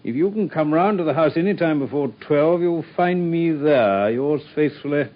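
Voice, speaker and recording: A man's voice: a little high, lively intonation, normal speed, lightly acted. An actor playing a polite, earnest male doctor in a radio drama, with a courteous, somewhat hesitant way of talking. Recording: dull old radio broadcast.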